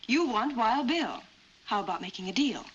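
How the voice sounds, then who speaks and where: An American actress playing a spirited, defiant frontier woman in a 1940s western, brisk and quick-witted. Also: fairly high pitch, lively intonation, natural voice. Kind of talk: 1940s western film acting. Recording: dull old film soundtrack, faint noise.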